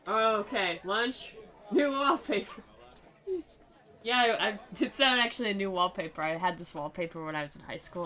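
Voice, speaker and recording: Her voice is fairly low and a bit bright. During a sarcastic playthrough, this woman reads the game's lines aloud theatrically, teasing it and giggling readily.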